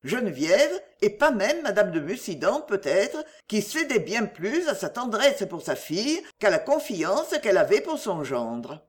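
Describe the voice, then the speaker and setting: Brief: woman narrator for a classic audiobook, lively expressive pitch. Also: a little slow, few pauses.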